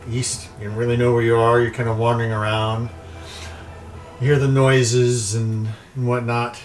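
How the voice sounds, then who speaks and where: A man's voice: medium pitch, level tone, normal speed, poor audio. A man narrating as game master in a tabletop game, describing scenes loosely with many fillers. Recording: mic set back, faint music.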